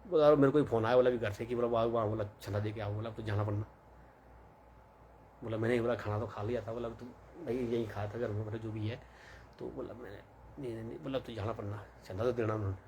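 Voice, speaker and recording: A man's voice: fairly low pitch, steady tone, fast talker, a little mellow. Young man, rambling story, many fillers, faint background hiss. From Himachal Pradesh, India. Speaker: vlogger. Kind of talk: casual storytelling monologue.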